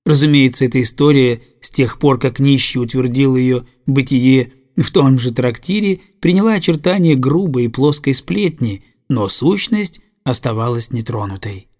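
A man narrating a classic novel as an audiobook, with a measured, literary reading. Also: medium pitch, lively intonation, darkish tone.

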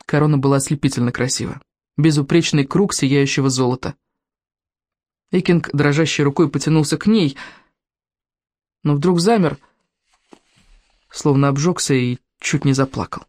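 An audiobook narrator reading a children's adventure story with lively, expressive storytelling. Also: medium pitch, normal speed, pauses often, no room sound, clean studio sound.

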